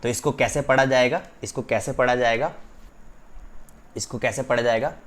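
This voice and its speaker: A man teaching a physics class, dictating slowly, repeating key terms and checking that students follow. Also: medium pitch, steady tone. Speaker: physics tutor. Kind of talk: online class lecture.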